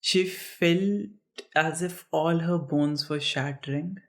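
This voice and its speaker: With a mid-range, steady voice, a storyteller works through their own dark fiction at an unhurried pace. Now and then the reading stumbles and starts over, and between passages it drifts into casual jokes at their own expense.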